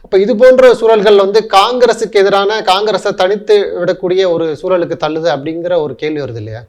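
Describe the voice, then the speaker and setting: A man's voice: high-pitched, a little fast. Male interviewer with long layered questions.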